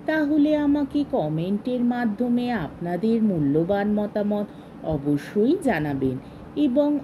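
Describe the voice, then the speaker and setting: A woman's voice: fairly high pitch, dull audio, slight background noise. A woman storyteller, the host of her channel, politely closing a story reading.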